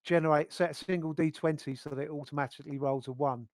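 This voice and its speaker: Man, game master at a tabletop RPG, higher-than-average voice, hesitant phrasing, very dry close sound. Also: steady tone, quick pace, dry recording. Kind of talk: running a tabletop roleplaying game.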